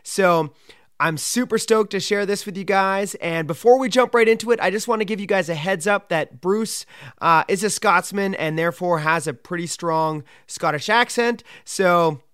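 A man's voice: high voice, moderate pace, a bit bright, smooth, no room sound, studio quality. A man hosting a podcast, introducing the show and chatting casually with a guest. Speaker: podcast host.

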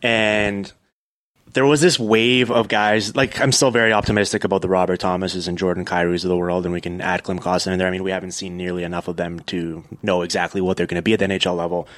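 A man hosting a casual sports podcast chat, talking quickly with lots of filler words. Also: low-pitched, little pitch movement, fairly bright tone, dry recording. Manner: fast, chatty, filler-heavy. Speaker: podcast host.

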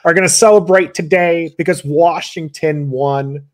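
A man's voice: a little high, fairly even intonation, measured pace, a little hiss or hum. A man hosting a casual sports talk show, chatty and rambling with fillers. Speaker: podcast host.

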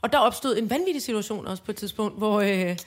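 A woman co-hosting a casual chat podcast, an animated storyteller who acts out voices, laughs often and hesitates a lot. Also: mid-range voice. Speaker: podcast co-host.

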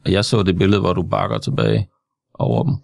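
A man's voice: sits low, very animated, gravelly, no echo, exaggerated voice. A man improvising a teasing farmer brother in his thirties in a comedy interview. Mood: mocking. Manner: dry, teasing.

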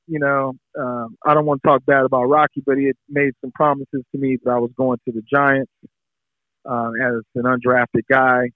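A middle-aged man tells a story in a relaxed, chatty way, slipping into the voices of the people in it. His voice is mid-pitched, and the sound is thin and phone-like and very dry. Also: no echo. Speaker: former pro football player, guest. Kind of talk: casual storytelling in an interview. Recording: tinny phone-like line, dry.

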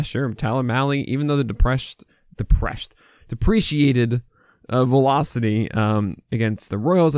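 Gravelly American man with a swollen mouth. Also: medium pitch, no room sound, studio quality. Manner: casual, opinionated rundown with frequent asides. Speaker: fantasy baseball podcast host. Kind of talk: unscripted sports podcast commentary.

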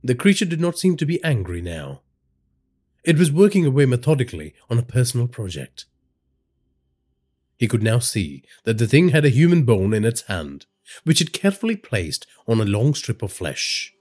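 Brief: a male horror storyteller with a husky voice and dramatic delivery. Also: medium pitch, normal speed. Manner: dramatic storytelling with lively inflection. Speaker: narrator. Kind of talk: scripted horror narration.

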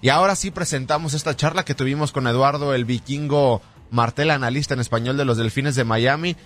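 A man hosting a sports radio show, giving a brisk rundown of results and interviewing a guest. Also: mid-range voice, fairly bright tone, faint music behind.

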